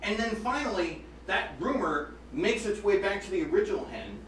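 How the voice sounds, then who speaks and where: A pianist at a recital gives informal spoken program notes between pieces, telling each piece's story conversationally with asides to his listeners. His voice sits high, expressive and a bit bright at a moderate pace. A phone with a USB microphone, set away from him in an air-conditioned room, captures a roomy, distant sound with faint ambience and slight background noise.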